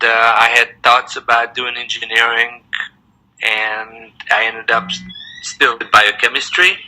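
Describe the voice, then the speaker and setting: A man in his sixties who grew up in Hungary, a semi-retired dentist, answers interview questions with a medium-pitched voice that sounds pushed and bright. He's thoughtful and hesitant, with many fillers and restarts, and the audio quality is poor.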